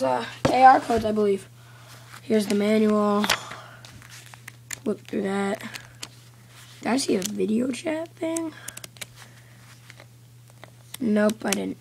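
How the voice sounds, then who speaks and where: A woman with a fairly high voice gives casual, off-the-cuff unboxing commentary. She sounds sniffly from a cold. It is an amateur home video made on a nearby handheld camera, with slight background noise. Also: warm tone. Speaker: gaming video maker. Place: carpeted room at home.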